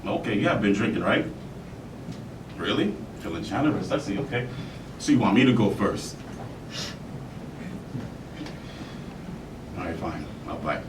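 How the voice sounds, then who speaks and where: Playing a bitter bar owner and father, a man delivers a confrontational, self-blaming monologue in a natural voice with lively intonation, his mood sardonic and simmering. His delivery halts, and he keeps repeating phrases for force. Echo, a distant mic, and a clear rumble underneath color the sound.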